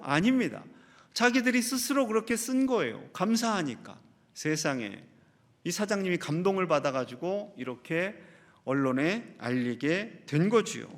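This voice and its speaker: A male pastor delivers a Sunday sermon in a fairly high voice. He puts questions straight to the congregation and reads scripture in a slow, emphatic way. His voice carries a long reverb from the church sanctuary. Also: a bit bright. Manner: addresses the congregation directly with questions. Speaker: senior pastor.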